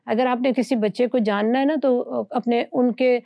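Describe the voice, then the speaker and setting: A woman with a fairly high voice teaches from scripture in an earnest, conversational way. She presses her points with rhetorical questions. The sound is dry and close. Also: fairly even intonation, gravelly, dry recording, muffled recording. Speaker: Bible teacher.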